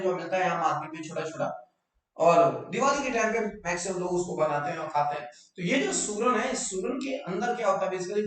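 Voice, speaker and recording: बहुत गूंजते कमरे में ऊँची आवाज़ वाला शिक्षक. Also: male voice, sits high, fairly bright tone, recorded from a distance. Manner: explains in mixed Hindi and English, repeats key terms, invites student questions. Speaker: biology teacher. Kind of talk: online live class lecture. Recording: very echoey room, voice off-mic.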